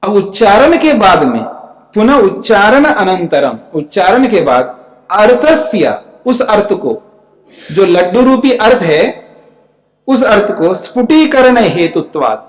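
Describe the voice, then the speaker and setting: A man's voice: sits high, big pitch swings, slow. A man, a spiritual teacher, giving a scripture commentary lecture; he reads Sanskrit lines, then explains each in plain speech and keeps checking that his listeners follow. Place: ashram lecture hall. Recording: echoey hall with long reverb.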